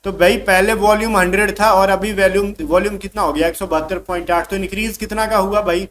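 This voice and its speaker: Male math tutor, high voice, chatty exam-prep lesson, slow English read-outs, faint background hiss. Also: steady tone, a bit bright. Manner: calls students "bhai", reads English questions slowly. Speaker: math teacher.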